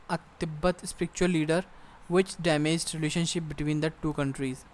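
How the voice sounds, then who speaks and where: A young man teaching an exam-prep lesson, reading English text slowly and then explaining it casually with frequent check-ins. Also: fairly high pitch, clear, resonant tone. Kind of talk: exam-prep lecture in Hindi mixed with English.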